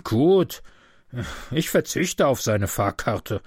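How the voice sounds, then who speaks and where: A man voicing a timid but officious middle-aged male train conductor who speaks stiffly and gives way quickly. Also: medium pitch, sing-song, a little mellow, slightly rough, no echo, studio quality, full character voice. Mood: defensive.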